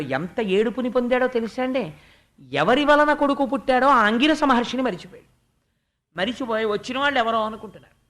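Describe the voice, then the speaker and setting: An animated devotional storyteller retelling a scripture tale to listeners. The delivery swings between loud, emphatic stretches and hushed asides, and verses are chanted slowly in a raised tone. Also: medium pitch. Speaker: religious storyteller.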